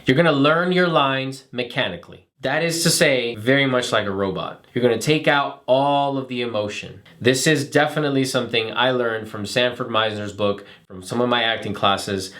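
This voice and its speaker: A man teaching acting, explaining a method step by step in a clear, instructional way. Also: medium pitch. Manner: clear, step-by-step explaining with demonstrated flat robotic line readings. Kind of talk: instructional talk to camera.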